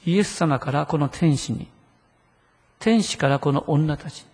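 A man's voice: fairly high pitch, measured pace, darkish tone, breathy edge, big-room sound. A man preaching a sermon in a conversational way, often asking the listeners rhetorical questions. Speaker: pastor.

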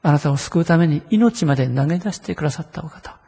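A man's voice: on the high side, quick pace, vocal fry, dark tone, breathy edge, big-room sound. A man preaching a sermon in a conversational way, often asking the listeners rhetorical questions. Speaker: pastor.

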